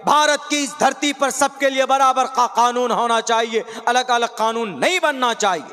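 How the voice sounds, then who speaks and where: A man from India giving an impassioned speech as a preacher, declaiming, drawing out scripture recitations and shouting at peaks. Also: very high-pitched, normal speed. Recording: long hall reverb.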